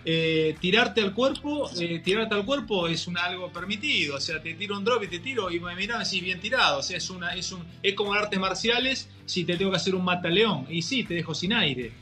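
A man's voice: sits high, animated, a little fast, hardly any pauses, bright, forceful tone, soft background music. A man with an Argentine Spanish accent hosting a casual interview, pushing his guest with joking questions. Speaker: host.

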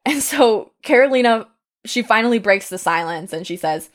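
A young adult woman from the United States tells a personal story from her teenage years, acting out the quoted lines with lively energy. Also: a little high, moderate pace. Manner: lively, animated retelling with acted-out quotes.

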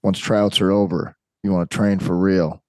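A man's voice: deep voice, flat delivery, normal speed, no room sound. A man co-hosting a podcast and working as a trainer, talking in a laid-back, slangy, upbeat way. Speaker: podcast co-host and athletic trainer. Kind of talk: casual chat.

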